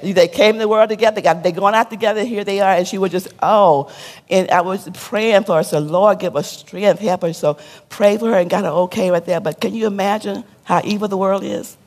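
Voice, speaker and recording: A woman pastor preaches a sermon, questioning her listeners call-and-response style and repeating her key points, then softening to a hushed tone for a sad story. Her mid-range voice is brisk with fairly even intonation. The recording has a big-room sound.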